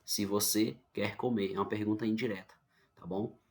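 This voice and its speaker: A man's voice: lowish voice, steady tone, moderate pace, darkish tone. A male teacher with a Brazilian accent giving an online grammar lesson, explaining patiently and often checking in with his students. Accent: Brazilian Portuguese.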